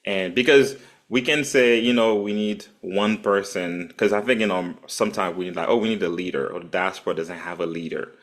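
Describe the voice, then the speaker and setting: A man from Haiti, speaking thoughtfully as a panelist in an online discussion, often pausing with "um". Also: deep voice. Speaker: panelist, policy group founder.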